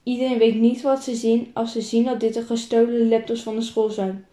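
A woman's voice: fairly high pitch, little pitch movement, fairly quick, dark tone. Woman reading a story in an echoey room. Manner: plain reading with small repeats and restarts. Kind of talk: reading a self-written story aloud.

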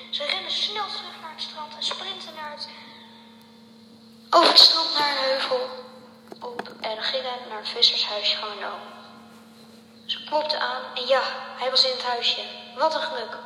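A woman's voice: high-pitched, moderate pace, long pauses, sharp tone. A woman reading a story aloud with care, sometimes stumbling over a word and correcting herself. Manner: careful reading with small slips. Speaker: reader. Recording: echoey hall, faint hum.

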